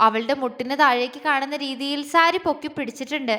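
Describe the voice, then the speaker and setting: A woman storyteller reads a romance story aloud in a gentle, expressive way. Her voice sits high and sounds bright. A long reverberant tail hangs on her words. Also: quick pace. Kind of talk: scripted romance story narration.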